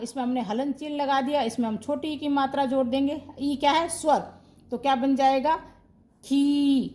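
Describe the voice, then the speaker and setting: High-voiced woman teaching Hindi grammar. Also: darkish tone. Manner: asks questions and answers them herself, repeats key terms. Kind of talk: online classroom lesson.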